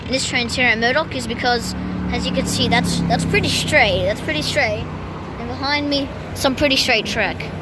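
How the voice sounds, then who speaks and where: A woman giving train-spotting vlog commentary on a train platform, calling arrivals and departures like an announcer with casual asides. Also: sits high. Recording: loud train and platform noise. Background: trains, vehicles, outdoor station ambience.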